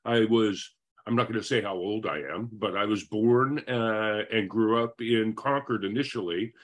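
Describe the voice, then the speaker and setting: A man's voice: fairly low pitch, moderate pace. A man in his fifties from Northern California, a guest telling his life story in a friendly, rambling way over a video call. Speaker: interview guest.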